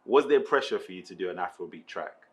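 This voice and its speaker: A man from Nigeria co-hosting a casual radio interview. He speaks in a relaxed way and backs the guest with quick approving "yeah"s. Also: deep voice. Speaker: radio co-host.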